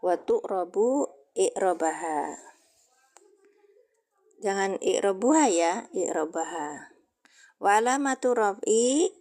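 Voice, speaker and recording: Woman teaching Arabic grammar on a livestream; slow, chatty, mid-pitched. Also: a little mellow. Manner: slow, chatty, answers viewer comments. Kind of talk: casual livestream lesson.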